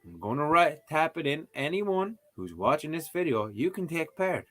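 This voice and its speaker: A streamer who is learning a language jokes his way through a lesson on a livestream, adding mock exclamations to his casual commentary. He speaks at a moderate pace in a slightly high, somewhat bright voice with big pitch swings.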